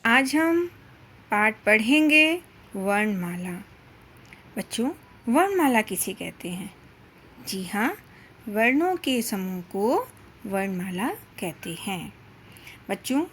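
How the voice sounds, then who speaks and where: Slow, careful woman teacher. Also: on the high side, slightly rough. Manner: slow, deliberate, drawn-out syllables with frequent pauses. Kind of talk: slow classroom lesson for children.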